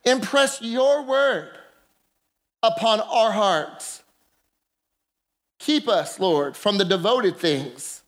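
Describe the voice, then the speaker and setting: A woman's voice: mid-range voice, extremely slow, pauses often. A woman pastor preaching a sermon into a pulpit microphone in a church, emphatic and calling for the congregation's responses. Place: church sanctuary.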